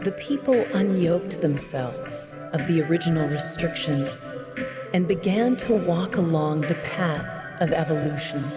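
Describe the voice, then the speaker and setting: Young woman doing solemn game intro narration, lowish voice, real slow, loud game music underneath. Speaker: player reading game text aloud. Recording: game music playing behind.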